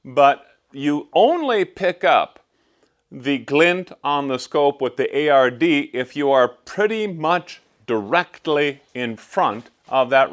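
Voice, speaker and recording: Slow-paced man explaining in a vlog. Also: medium pitch. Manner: measured, conversational explaining. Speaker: host explaining shooting gear tests.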